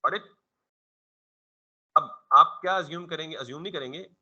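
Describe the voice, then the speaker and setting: A man teaching code with a sharp, tense brightness in his voice that sits slightly high for a man. He explains in a relaxed, conversational classroom way. He keeps throwing questions at the listener and then answering them himself. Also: moderate pace, breathy edge, muffled recording. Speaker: programming instructor. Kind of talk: coding tutorial lecture.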